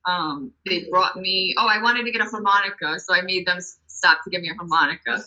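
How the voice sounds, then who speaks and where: Bright-voiced woman telling a story. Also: lowish voice, brisk, highs cut off. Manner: animated, acts out quotes, many "I'm like". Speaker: guest musician, vocalist. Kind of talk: casual storytelling.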